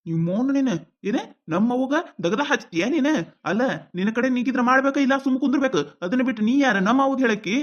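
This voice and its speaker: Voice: high-pitched, fast talker, highs cut off. A voice actor playing a bossy young village husband in a cartoon comedy, with a North Karnataka Kannada accent and a scolding tone.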